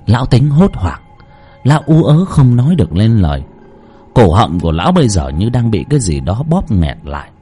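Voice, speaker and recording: A man's voice: on the low side, big pitch swings, normal speed, dark tone, husky. A man narrating a horror story in a dramatic, suspenseful way.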